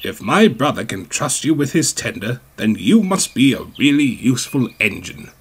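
A man's voice: medium pitch, big pitch swings, moderate pace, slightly rough. A man voicing a pompous, huffy big male express engine. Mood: ashamed. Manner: huffy, self-important. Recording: music bed behind.

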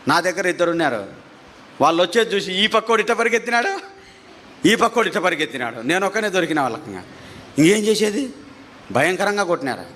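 A man preaching his testimony as a story, animated, his pitch climbing at tense moments, repeating phrases for emphasis. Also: fast talker, long pauses, slight background noise.

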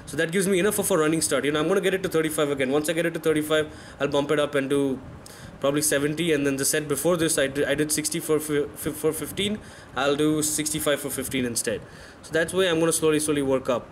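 This fitness vlogger, a man in his thirties, speaks fast in a fairly high, fairly evenly intoned voice as he gives honest commentary on his own training footage, revising himself as he talks. It's a voice-over recorded outside the gym on screen, with slight background noise.

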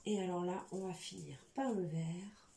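A woman's voice: lowish voice, steady tone, a little slow, creaky, mellow. A woman with a slight lisp on her s sounds, chatting informally through a hands-on craft tutorial as its host. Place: indoor room at a craft table. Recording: echoey room, faint background noise.

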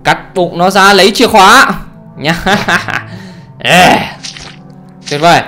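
A man giving let's play commentary on a horror game, excitable and often exclaiming and swearing casually. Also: high voice, slow, faint music behind. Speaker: gamer, channel host.

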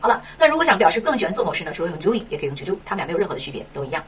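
A woman teaching an English textbook lesson in Mandarin, asking herself questions and tagging many lines with a quick "right?". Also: on the low side, far from the mic, slight background noise. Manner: lively, rhetorical questions, frequent "是吧".

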